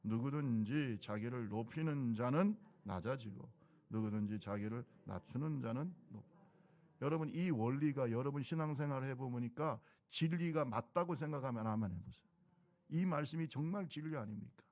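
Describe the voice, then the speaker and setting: A man's voice: mid-range voice, moderate pace, a little mellow, highs cut off. A middle-aged man preaching a sermon as pastor of his church, talking in a conversational way and firing rhetorical questions at the congregation. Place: church sanctuary.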